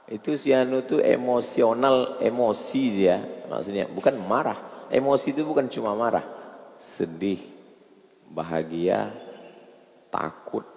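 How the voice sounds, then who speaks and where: A man preaching a sermon, telling stories with humour and then speaking slowly and solemnly. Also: on the low side, gravelly. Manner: storytelling, animated with jokes, turning slow and solemn. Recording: echoey hall.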